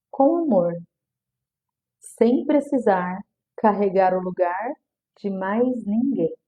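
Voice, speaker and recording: A woman with a fairly high voice teaches her audience in a coaching way. She keeps throwing rhetorical questions at them and repeating her main lines. The recording sounds a little muffled and lo-fi. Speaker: family constellation teacher.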